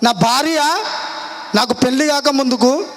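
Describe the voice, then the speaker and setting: A young man, telling his personal testimony at a church meeting in rapid, impassioned colloquial speech. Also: very high-pitched. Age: young adult.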